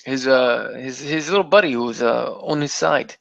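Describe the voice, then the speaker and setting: A man's voice: medium pitch, normal speed, creaky, a bit bright. A man co-hosting a casual podcast chat, joking and mocking his co-host. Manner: joking, mocking, slips into silly put-on voices. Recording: dull lo-fi sound, dry.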